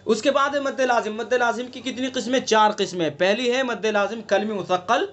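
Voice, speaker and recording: High-voiced man teaching recitation online. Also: a bit bright. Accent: Delhi Urdu. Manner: explains patiently, asks students questions, demonstrates drawn-out recitation. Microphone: online class call.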